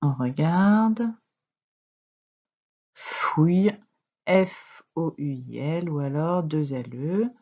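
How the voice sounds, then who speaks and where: Slow, patient woman teacher, low and dark. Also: animated, slightly rough, highs cut off. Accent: French. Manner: slow and patient, spells out letters, addresses the child directly. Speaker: primary school teacher. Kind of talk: recorded reading and dictation lesson for young pupils.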